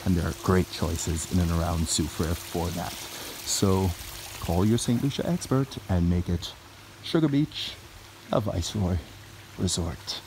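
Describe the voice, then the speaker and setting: A man's voice: low-pitched, unhurried, background noise. A man giving a walkthrough tour of a resort villa, chatting in a sales-patter style with playful jokes on the side. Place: walking through a resort villa, indoors and out.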